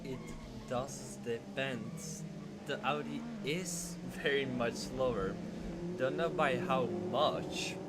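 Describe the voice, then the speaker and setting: A man's voice: medium pitch, takes it slowly. Male sim race commentator, easygoing live chat, noisy stream audio with engine sounds behind. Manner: relaxed, chatty, reads viewer messages.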